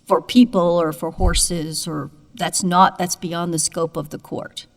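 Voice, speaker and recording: A woman judge presses counsel with probing questions in a low, gravelly voice. A long courtroom reverb trails her words. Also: flat delivery, unhurried. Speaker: appellate judge. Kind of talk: questioning counsel at oral argument. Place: appeals courtroom.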